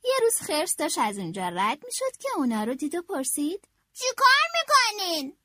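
A woman narrating a children's storybook, reading in an expressive, animated way. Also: high voice, slight background noise. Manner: expressive, animated read-aloud.

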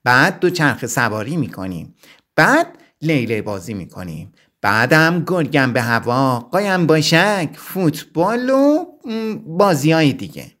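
A man voicing a clever, determined young child hero in a storybook reading, given to shouting and sly, quick-witted talk. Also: fairly high pitch, big pitch swings. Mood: cheerful.

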